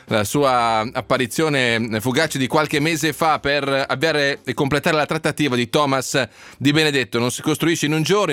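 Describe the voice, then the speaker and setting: A man's voice: medium pitch, fairly bright tone, no room sound. Dry-sounding male sports radio host. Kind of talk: radio presenting.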